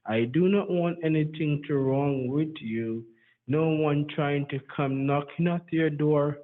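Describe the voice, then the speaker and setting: A man with a Jamaican accent, pitching slowly and deliberately over a landline phone. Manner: slow, deliberate salesman pitch. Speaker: scam caller. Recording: tinny phone line.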